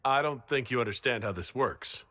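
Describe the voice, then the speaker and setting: An actor playing a dry-witted, supportive leader with a teasing, understated manner in a video game. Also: male voice, medium pitch, normal speed, bright, forceful tone, no room sound, natural voice. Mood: dryly teasing.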